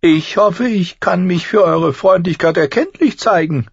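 A man voicing a small, sharp-tongued nobleman with a raised, pinched voice. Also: sits high, unhurried, vocal fry, husky, dry recording, lo-fi sound, pitched above the performer's own voice, heavily acted. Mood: sardonic.

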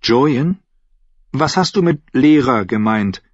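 A man's voice: medium pitch, expressive, takes it slowly, dry recording, pitched above the performer's own voice. A man voicing a whiny, eager nine-year-old noble boy who pleads in a raised boyish voice. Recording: slightly dull dry recording.

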